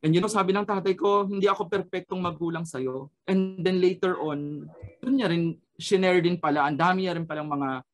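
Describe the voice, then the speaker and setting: A man's voice: sits high, moderate pace, faint music behind. A man sharing an earnest personal testimony as a radio program guest, switching between Tagalog and English and often adding a questioning "no?".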